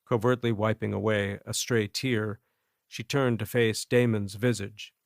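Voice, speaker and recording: A man narrating an audiobook in a measured, even storytelling manner. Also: on the low side, vocal fry, no echo, clean studio sound. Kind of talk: scripted narration.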